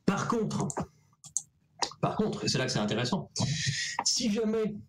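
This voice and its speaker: A man's voice: high voice, sing-song, a little slow, noisy background. Chatty man explaining his research. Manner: chatty, many fillers and restarts, self-deprecating asides. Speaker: PhD researcher presenting his thesis. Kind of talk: casual explanatory talk.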